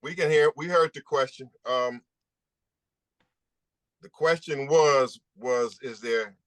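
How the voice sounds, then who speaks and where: A man's voice: mid-range voice, slow pace. A man who is a civil rights attorney giving an impassioned, emphatic statement at a press conference, repeating points for stress.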